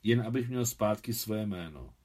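A man reading a novel aloud, voicing a weary aging man who lives under a false name, in a quiet, confessional manner. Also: on the low side, expressive.

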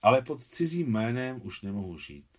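A man's voice: mid-range voice, big pitch swings. A man reading as a weary old man with a hidden past. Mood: weary confessional. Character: aging man living under a false name, weary and humble. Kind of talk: reading a novel aloud.

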